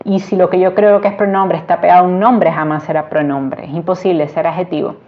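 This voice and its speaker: Woman teaching a slow grammar lesson. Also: fairly low pitch, steady tone. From Latin America. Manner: explains slowly with example sentences, stresses quoted phrases. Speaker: Spanish teacher. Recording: dull lo-fi sound.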